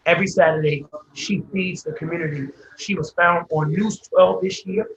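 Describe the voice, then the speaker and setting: A man's voice: fairly high pitch, fairly even intonation, normal speed, muffled recording. An American man hosting a casual live discussion. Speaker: host. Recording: echoey live stream with background noise.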